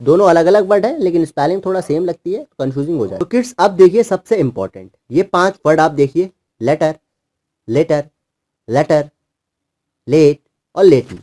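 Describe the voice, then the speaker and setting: Quick-paced and sing-song, a man's mellow, slightly high voice takes children through English vocabulary in Hindi. He explains what each word means and patiently spells it out letter by letter.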